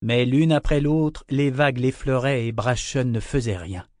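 A man reading a novel aloud in measured scripted narration. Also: medium pitch, darkish tone, no room sound, studio quality. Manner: measured, storytelling. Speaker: audiobook narrator.

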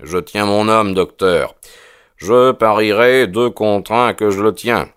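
A man playing a crisp, impatient detective. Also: fairly low pitch, slow, a bit bright, dry recording. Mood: elated. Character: sharp, impatient, brilliant male detective. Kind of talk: audiobook character voice.

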